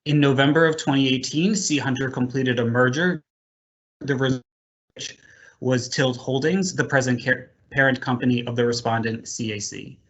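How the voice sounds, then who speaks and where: A man's voice: mid-range voice, steady tone, normal speed, fairly bright tone, low-quality recording. A man formally reading a report to a commission over a video call, his audio choppy and breaking up. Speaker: staff member presenting a report to a commission.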